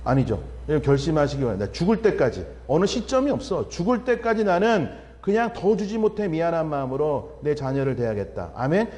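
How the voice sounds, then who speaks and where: A middle-aged male pastor giving a revival sermon, swinging between loud and soft, acting out family conversations. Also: fairly high pitch, big pitch swings, brisk, few pauses. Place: church sanctuary. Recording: church hall reverb.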